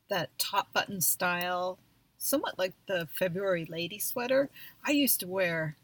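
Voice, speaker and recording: A woman co-hosting a podcast, chatting casually in a measured, unhurried way. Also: fairly low pitch, a bit bright. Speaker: podcast co-host. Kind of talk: casual chat about knitting projects.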